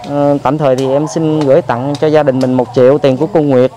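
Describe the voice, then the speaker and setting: A man with a Southern Vietnamese accent who hosts a vlog, interviewing gently and prompting with frequent soft acknowledgements. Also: medium pitch, flat delivery, a little fast, a little hiss or hum. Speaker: vlog host.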